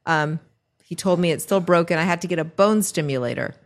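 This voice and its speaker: A middle-aged woman co-hosting a podcast, chatting casually and acting out the people in her stories with lively voices. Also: fairly low pitch, a little fast. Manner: animated storyteller who acts out the people she describes. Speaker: podcast co-host. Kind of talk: casual chat.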